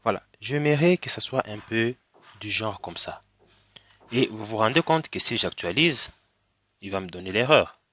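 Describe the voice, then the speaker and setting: Speaking in a fairly low, expressive voice with a fairly bright tone, a man with a cold leads a screen-recorded coding tutorial. He goes slowly, step by step, and keeps asking "ok?".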